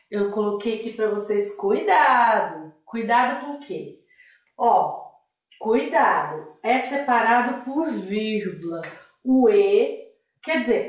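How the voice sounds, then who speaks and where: A woman teacher explaining grammar for exam preparation, asking questions and answering them herself. Her fairly high voice rings through a very echoey room. She sounds set back from the microphone. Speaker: Portuguese teacher. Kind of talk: exam-prep grammar lesson. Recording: very echoey room, voice distant from the mic.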